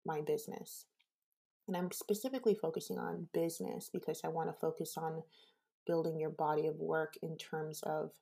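Hushed, low-pitched woman with creaky voice. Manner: hushed, keeping voice down. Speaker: business coach and host. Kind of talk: reflective motivational talk to camera.

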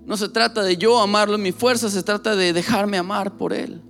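A man's voice: sits high, fairly even intonation, normal speed, creaky, fairly bright tone, faint music behind. A male pastor preaching a sermon with passion, speaking straight to the listener and repeating phrases for emphasis.

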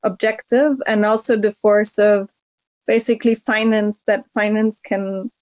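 Female panel guest from Hungary, measured and hedging, dry sound. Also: medium pitch, fairly even intonation, darkish tone, no echo. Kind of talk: panel discussion answer.

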